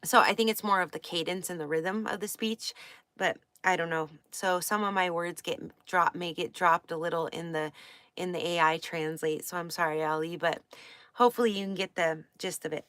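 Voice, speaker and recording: A woman's voice: lowish voice, fairly even intonation, normal speed, fairly bright tone, no room sound. A woman with a slight Pacific Northwest accent, giving a casual astrology lesson, reading from a book and commenting in a meandering way with fillers and self-corrections. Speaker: astrology teacher.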